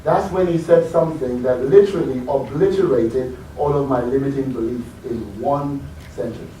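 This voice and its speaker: Heard at a distance in an echoey hall with slight background noise, this UK motivational speaker has a mellow, medium-pitched voice at normal speed. In his live talk he tells stories and quizzes the audience with questions.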